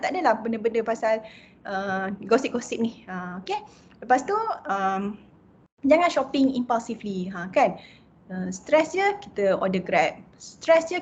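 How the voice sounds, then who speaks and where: A woman giving a lively talk on mental health, chatty, tagging her sentences with "ha" and "kan" and slipping English phrases in. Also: on the high side, highs cut off, a little hiss or hum.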